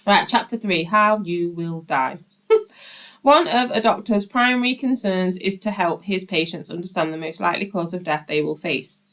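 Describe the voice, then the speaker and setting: Woman, lowish voice, reading a book aloud, steady reading, casual asides to viewers. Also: moderate pace. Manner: reads steadily, breaking off for informal asides to viewers.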